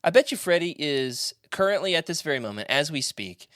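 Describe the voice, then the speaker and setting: A man's voice: fairly high pitch, sing-song, fairly quick, fairly bright tone, no echo, studio quality. A man hosting a podcast in casual chat, joking and laughing often. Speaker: podcast host.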